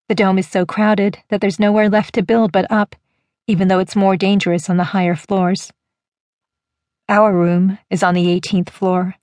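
A woman narrating a first-person audiobook in a measured, even storytelling manner. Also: mid-range voice, no room sound.

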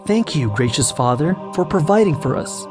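A man's voice: fairly high pitch, animated, moderate pace, over music, lightly acted. A man voicing a kindly dad saying grace. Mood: reverent.

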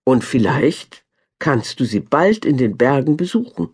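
A woman voicing a calm, gentle wealthy father in a storybook reading, speaking in a measured way. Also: rumbling low, husky, full character voice.

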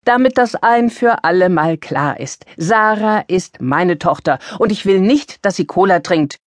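A woman's voice: medium pitch, normal speed, no echo, voice pushed up, natural voice. Brief: angry young mother in a storybook, read by a woman, biting, dry sound. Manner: sharp and scolding. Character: strict angry young mother, sharp-tongued.

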